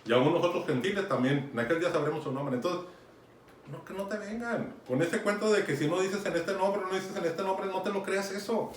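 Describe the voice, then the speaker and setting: A man's voice: high voice, moderate pace. A man preaching a sermon in a conversational teaching manner, often checking in with his listeners. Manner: conversational teaching, keeps asking "¿sí?" and urging "fíjate bien". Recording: echoey room, mic far off, some noise.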